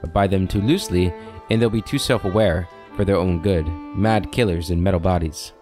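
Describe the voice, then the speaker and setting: A man's voice: deep voice, a little fast, warm tone, faint music behind, close to an everyday voice. A man reading a disapproving male blacksmith's game dialogue aloud, plainly and with stumbles. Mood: grumbling.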